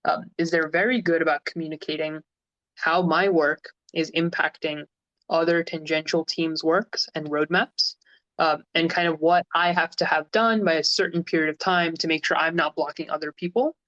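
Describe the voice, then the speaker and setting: Higher-voiced guy hosting a live stream, chatty with lots of ums, dull lo-fi audio. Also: steady tone, moderate pace, pushed and bright, no room sound. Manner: chatty, frequent fillers and restarts. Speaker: host. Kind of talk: casual livestream chat.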